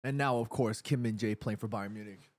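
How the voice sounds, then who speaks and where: A man in his thirties hosting a live football watchalong stream, chatting casually, reading viewer messages aloud and getting excited during attacking moves. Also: lowish voice, a little fast. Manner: chatty, reads viewer chat aloud between play calls.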